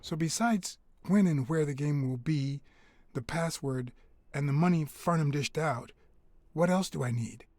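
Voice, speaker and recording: A man's voice: on the high side, unhurried, a little mellow, no room sound, close to an everyday voice. An actor playing a hardboiled male detective in a video game, narrating his thoughts in a dry, wry way.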